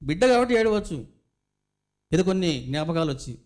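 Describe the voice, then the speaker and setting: High-voiced man giving a spiritual discourse. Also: big pitch swings, brisk, darkish tone. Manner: storytelling, rhetorical questions to listeners. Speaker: spiritual teacher. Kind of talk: devotional discourse.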